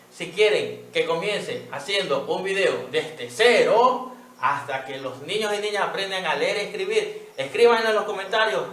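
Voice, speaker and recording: A man with an Ecuadorian Spanish accent teaching young children to read, speaking slowly and patiently and sounding out words. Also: high voice, fairly bright tone, far from the mic. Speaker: primary school teacher. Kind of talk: online reading lesson for young children. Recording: echoey room, voice a little off-mic.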